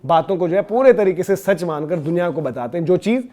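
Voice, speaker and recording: A man's voice: high-pitched, animated, brisk, mellow. A man giving scornful, indignant opinion commentary on cricket, hammering his points with repetition.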